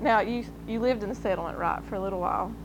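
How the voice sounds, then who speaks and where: A clear hum sits behind a woman interviewer. Her voice is of medium pitch, and she puts her questions informally, as in a conversational oral history session. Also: fast. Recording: humming background noise.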